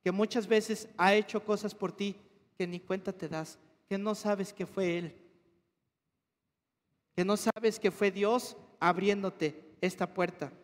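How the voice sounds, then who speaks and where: A pastor preaches with a strikingly high voice, asking his congregation one question after another. His voice rings out with a long reverb through the church hall. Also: fairly even intonation, slow. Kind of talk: sermon.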